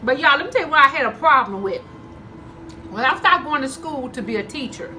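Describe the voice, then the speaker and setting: A woman's voice: sits high, lively intonation, fairly quick, pushed and bright, slight background noise, rough recording. A woman telling stories casually to her viewers in a conversational way while eating, acting out bits of dialogue. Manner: conversational, addresses viewers as y'all, acts out dialogue. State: eating, chewing between phrases. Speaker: mukbang vlogger.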